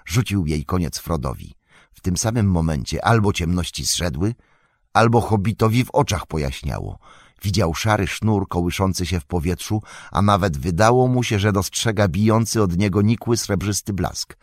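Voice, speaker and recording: A man narrating a fantasy audiobook in a measured, dramatic storytelling manner. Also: deep voice, dry recording, studio quality. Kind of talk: scripted narration.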